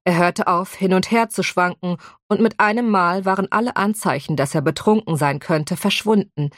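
A woman narrates a first-person audiobook in an even, measured storytelling voice. Her voice sits low, and the sound is dry and close with no room. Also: no room sound.

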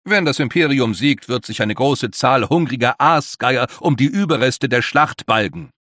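A man's voice: mid-range voice, normal speed, a bit bright, no echo, studio quality, voice pushed up. A man voicing a grave, worried older male leader who speaks in an earnest, emphatic way.

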